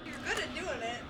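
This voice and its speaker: A playful woman co-host chats and jokes beside the player. Her voice is very high and lively. A noisy room hiss sits under the recording. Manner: giggly, playful. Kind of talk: casual chat.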